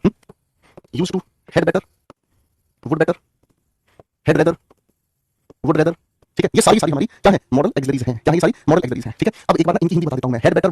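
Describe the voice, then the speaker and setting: Rapid, husky-voiced joking grammar teacher. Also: male voice, on the high side, darkish tone, no echo, studio quality. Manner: playful and joking, teases students by name; repeats questions and answers them himself. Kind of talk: online English grammar lesson.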